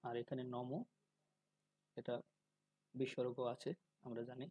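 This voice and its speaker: A man giving a calm spoken lesson on pronunciation, slowly and deliberately drawing out syllables to demonstrate them. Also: medium pitch, breathy edge, no room sound, highs cut off. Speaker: teacher of Sanskrit pronunciation.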